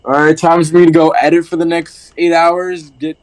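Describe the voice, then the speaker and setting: A man's voice: fairly high pitch, little pitch movement, moderate pace, low-quality recording. A man hosting a casual podcast, loose and profane, rambling with lots of fillers. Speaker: podcast host.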